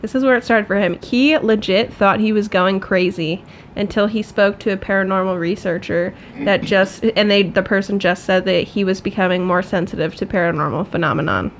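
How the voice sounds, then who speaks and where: A woman's voice: medium pitch, a little fast, slight background noise. Chatty laughing woman podcast co-host. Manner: laughs often, chatty and self-mocking. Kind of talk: casual podcast chat.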